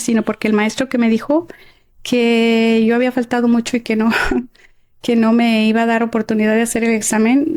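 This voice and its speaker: Warm, expressive Mexican woman telling her story. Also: on the high side. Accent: Mexican Spanish. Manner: expressive, emotional storytelling with frequent laughter. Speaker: interview guest. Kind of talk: personal life story in conversation.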